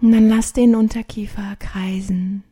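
A woman narrating a guided sleep meditation in a soft, hushed, soothing, partly whispered voice with long pauses, like a sleep story narrator. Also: mid-range voice, little pitch movement. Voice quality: soft, breathy.

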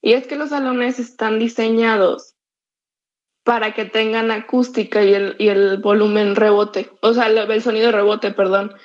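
Loud-voiced young Mexican woman, muffled. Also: a little high, little pitch movement, normal speed. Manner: very loud, forceful way of speaking. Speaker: podcast co-host. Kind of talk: casual podcast chat. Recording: slightly muffled lo-fi sound.

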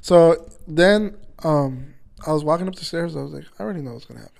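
A man's voice: fairly high pitch, fast talker, vocal fry, a little mellow. A man, a truck driver and podcast guest, telling a casual story, swearing freely and acting out what people said. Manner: swears freely and acts out quoted dialogue.

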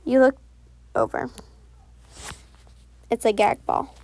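A woman narrating a second-person audio story in a soft, unhurried read, now and then correcting herself. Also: a little high, fairly even intonation.

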